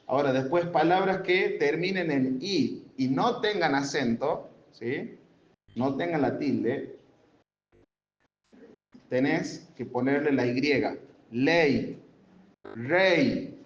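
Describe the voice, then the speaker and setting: A man teaching a Sunday school grammar class, explaining step by step with examples and often checking that students follow. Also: on the high side. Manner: keeps checking understanding with tag questions. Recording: roomy, dull lo-fi with faint room noise.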